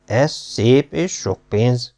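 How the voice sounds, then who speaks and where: A man voicing a serious middle-aged father, a lawyer, speaking slowly and gravely in an audiobook reading. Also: lowish voice, faint music behind, natural voice. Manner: grave, slow, patronizing calm. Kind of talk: audiobook character voice.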